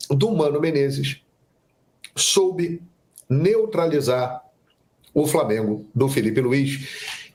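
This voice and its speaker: A man giving opinionated football commentary on a sports show, with a nagging cough. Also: on the high side. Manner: opinionated, animated delivery.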